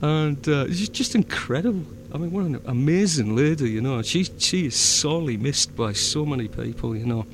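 In a casual chat, a Northern English fan audio drama producer speaks animatedly in a fairly high voice at a moderate pace with few pauses. He rambles, uses many fillers and restarts, and laughs easily, with slight background noise behind him.

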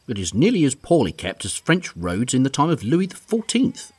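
A man playing a courtly, pompous older English army major in a period audio drama, husky and formal. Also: medium pitch, wildly swooping pitch, normal speed, a little mellow. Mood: pompous, lecturing. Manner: pompous, formal, old-fashioned.

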